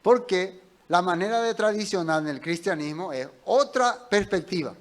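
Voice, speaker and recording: A man's voice: high-pitched, expressive, normal speed. A male pastor gives a conversational Bible teaching, asking his listeners questions as he goes. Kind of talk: sermon.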